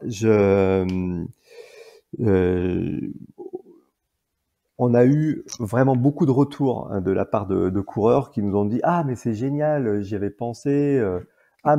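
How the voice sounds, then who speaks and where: A man's voice: medium pitch, mellow, highs cut off. A man in his forties talking casually as a podcast guest, hesitant with many fillers and restarts. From France. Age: 40s. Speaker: guest entrepreneur.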